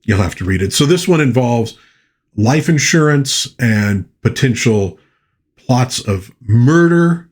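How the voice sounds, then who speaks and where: Talking slowly with lively intonation in a mid-range voice, this host of a pop culture channel gives a rambling, casual review of an old pulp fiction book. He's clearly a keen fan, frequently correcting himself and pausing to read brief excerpts to his viewers.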